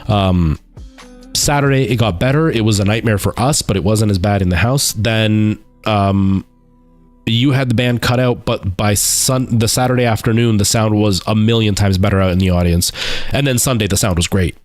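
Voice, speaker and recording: Low-pitched man chatting casually on stream. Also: moderate pace, no room sound, soft background music. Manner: self-deprecating, candid. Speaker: streamer chatting with viewers, stage musical performer. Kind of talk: casual livestream chat.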